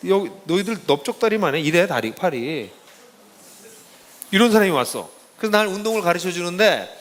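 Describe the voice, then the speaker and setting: A middle-aged pastor giving a casual talk to students, telling stories in an animated, informal way. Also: male voice, high-pitched, long reverb tail. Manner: lively storytelling, casual speech to young listeners.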